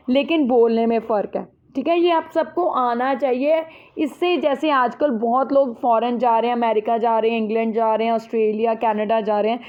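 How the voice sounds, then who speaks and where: A high-pitched woman teaches a school math class, patient and repetitive. She keeps checking that her students follow along. Her voice comes through thin and tinny, like a phone line. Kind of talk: explaining a class 6 math lesson.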